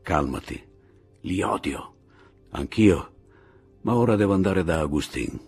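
Narrator doing a calm tough soldier guy, low and quiet, gravelly. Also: a little slow, soft background music, full character voice. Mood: grim calm. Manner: low, curt, steady. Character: calm foreign man, a soldier under fire.

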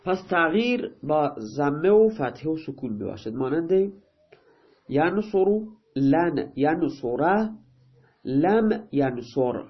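Male teacher, somewhat high voice, reads text aloud and explains it step by step, muffled lo-fi recording. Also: sing-song, breathy edge. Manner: reads a line of text, then explains it in plain talk. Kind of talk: grammar lesson, reading and translating. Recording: dull, lo-fi recording.

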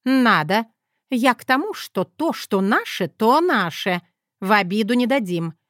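A brusque, commanding old mother from an audiobook, protective and sharp-tongued, as a woman reader puts her on. She snaps orders in a loud, raised voice. The recording is dry and close. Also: on the high side, big pitch swings, measured pace, no room sound, voice pushed up. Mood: bossy.

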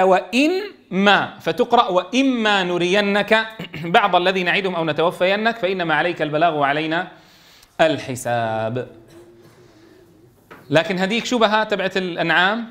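A man's voice: high voice, fairly bright tone. A man leading a classroom tajweed lesson for Quran teachers, explaining step by step and checking in with his students.

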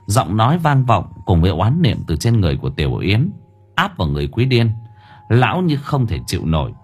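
A man narrating a horror audiobook with expressive, dramatic storytelling. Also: lowish voice, a little fast, husky, soft background music. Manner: expressive storytelling with vivid sound words.

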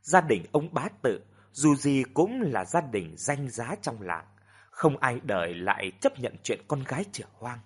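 A man voicing an older village mother who soothes and scolds in a soft, sighing way. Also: medium pitch, sing-song, unhurried, breathy edge. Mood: worried.

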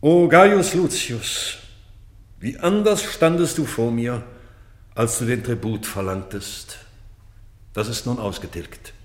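An actor voices a proud, remorseful old British king in a radio play, solemnly declaiming classical verse in a regal, commanding mood that breaks into hushed tones. His natural, mid-range male voice is slow and pauses often.

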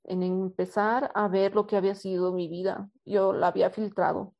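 A woman speaks in a mellow, warm tone, recounting her past in an interview. She pauses often with soft fillers and then livens up when she retells conversations. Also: mid-range voice, lo-fi sound. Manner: animated, acts out quoted dialogue, frequent hesitations. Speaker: interviewee, therapist. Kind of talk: personal storytelling interview.

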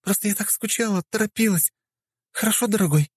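Male narrator voicing a fierce young wife mid-battle, high and sugary, audiobook. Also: brisk, breathy edge, no echo, clean studio sound. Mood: sweetly doting. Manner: sweet to her husband, scornful to her rival.

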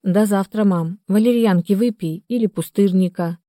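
A woman's voice: medium pitch, moderate pace, warm tone, no echo, clean studio sound, lightly acted. A woman reading the part of a grown, pregnant daughter who answers curtly, in an audiobook. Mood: guarded.

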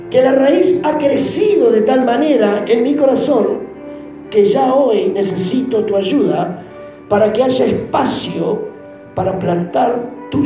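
A man preaching a fervent, pleading sermon, praying aloud as he speaks. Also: extremely high pitch. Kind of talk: emotional sermon prayer. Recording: roomy echo with faint music.

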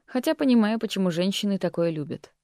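A woman voicing a calm, condescending man who was once the heroine's lover and teacher, speaking softly and patronizingly. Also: medium pitch, quick pace, no echo, clean studio sound, natural voice. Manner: soft-spoken, patronizing.

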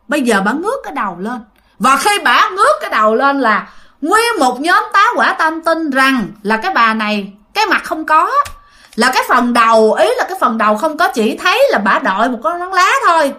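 A woman tells a ghost story in a loose, chatty way, often turning to speak directly to her listeners. Her voice sits high and sounds bright and clear. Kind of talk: casual ghost-story narration.

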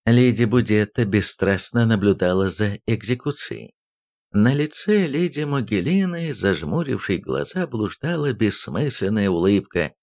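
Male audiobook narrator, gravelly and animated, mid-pitched. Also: unhurried. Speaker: audiobook reader.

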